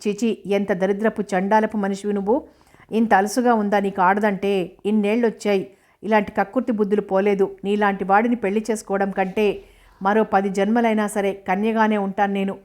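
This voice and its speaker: A woman reading the lines of an angry young woman teacher, delivering sharp scolding retorts. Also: mid-range voice, close to an everyday voice.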